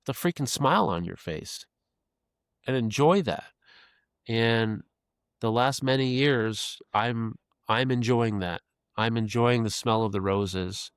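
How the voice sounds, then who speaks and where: A man's voice: mid-range voice, animated, slow pace, clear, resonant tone, dry recording, clean studio sound. A man of fifty talking as a podcast guest, earnest and reflective, often repeating phrases as he thinks. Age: 50s. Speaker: podcast guest, creative executive. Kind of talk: casual reflective interview talk.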